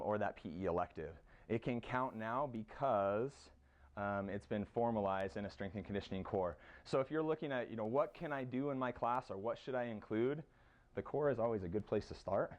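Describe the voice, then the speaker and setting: A man with an American accent, a high school strength coach giving a casual conference presentation, with plenty of fillers as he lists exercises. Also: moderate pace, highs cut off. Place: conference room.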